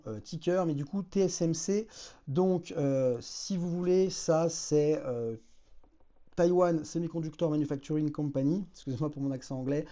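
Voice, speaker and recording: A man's voice: mid-range voice, dark tone, lo-fi sound. A man hosting a weekly market review, casually walking through charts, hesitant, with many fillers and self-corrections. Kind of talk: casual chart-walkthrough commentary.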